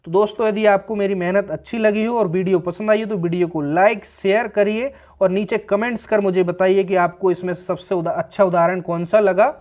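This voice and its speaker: A male teacher explains grammar step by step. He repeats key ideas and poses questions to himself before answering them. His delivery is steady and patient, like an online classroom lesson. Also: high-pitched, brisk, hardly any pauses. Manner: patient, repeats points, asks rhetorical questions.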